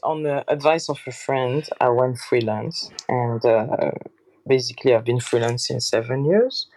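A woman's voice: very deep voice, a little slow, a little mellow, a little hiss or hum, low-quality recording. A woman in her thirties from France, speaking English with a French accent as a podcast guest and piecing her sentences together loosely as she goes. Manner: loose, unpolished phrasing as she thinks aloud. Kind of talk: casual interview talk.

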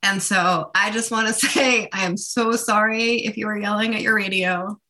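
A woman's voice: mid-range voice, steady tone, moderate pace, sharp tone. A woman state representative talking earnestly and casually on a radio show, with lots of fillers, from a remote call. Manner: earnest, chatty, many "like" fillers.

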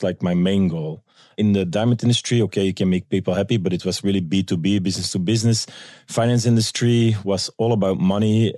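In a clean studio recording with no room sound, a Belgian man with a warm, somewhat low voice speaks with a Belgian accent. He is an interview guest, a tour guide and business owner, who tells anecdotes conversationally and acts out quoted dialogue.

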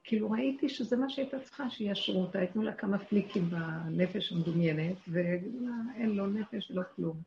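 A woman giving a religious talk to a group, passionate and animated, asking rhetorical questions and shouting out quoted lines. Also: mid-range voice, creaky, hardly any pauses, slight background noise. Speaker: spiritual teacher. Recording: echoey lo-fi room recording.

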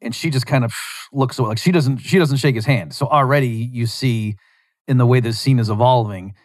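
A man of middling pitch tells a story casually to his audience, rambling and circling back on himself. His voice is close and dry, with no room sound. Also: a little fast, no room sound. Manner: rambling, animated, frequent restarts.

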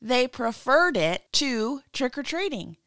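A woman's voice: high-pitched, big pitch swings, slow, a bit bright, no echo, clean studio sound. A woman in her thirties hosting a casual solo podcast, chatty, joking and self-mocking. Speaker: podcast host.

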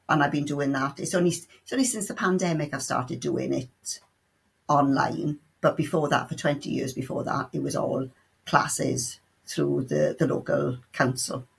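A middle-aged woman from South Wales, with a South Welsh accent, speaks in a low, creaky voice with a breathy edge. She is a sign language tutor answering interview questions chattily, full of restarts and playful asides.

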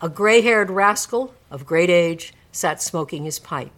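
A woman narrating a classic story in a live dramatic reading, with measured, theatrical phrasing. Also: lowish voice, lively intonation, fairly bright tone.

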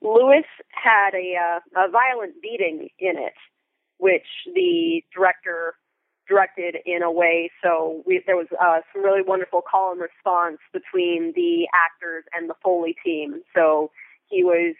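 Over a tinny, narrow phone-like connection with no echo, a female Foley artist shares stories in an interview, describing things with casual enthusiasm. She speaks at a measured pace in a lowish voice with lively intonation and vocal fry.

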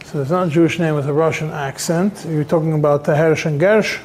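Halting man teaching a text class. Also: a little high, fairly even intonation, a little mellow, slight background noise. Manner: halting, repeats words, many fillers. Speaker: rabbi teaching a Talmud class. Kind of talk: explaining halachic texts to a class.

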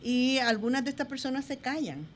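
A woman's voice: sits high, animated, a little fast, slight background noise. A woman behavior specialist explaining at length on a radio talk show, speaking directly to the listener.

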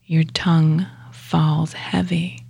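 Leading a yoga nidra meditation, this teacher speaks in a deep, level tone that is breathy, husky and often almost whispered. Her delivery is hushed and measured, with pauses after short phrases, and the recording is dry.

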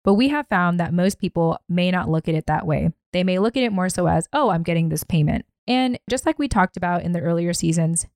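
A woman hosting a podcast, explaining figures in a deliberate, emphatic way with occasional sarcasm. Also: on the low side, a little mellow, no room sound, studio quality. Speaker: podcast host.

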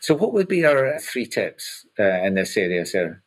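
Scottish man in his fifties, low voice. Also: big pitch swings, poor audio. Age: 50s. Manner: halting, repeats words while explaining. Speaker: coach, podcast co-host. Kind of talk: casual conversational podcast chat.

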